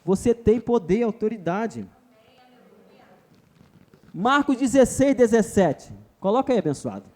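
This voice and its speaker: A man's voice: high-pitched, expressive, measured pace, long pauses, warm tone. A man with a Brazilian Portuguese accent preaching a sermon at a church retreat, emphatic, repeatedly calling his listeners brother.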